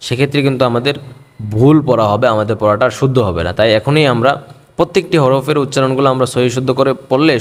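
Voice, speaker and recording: A male teacher giving a patient pronunciation lesson on Arabic letters. He repeats each letter slowly, drawing it out in a half-sung way. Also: mid-range voice, in a large hall.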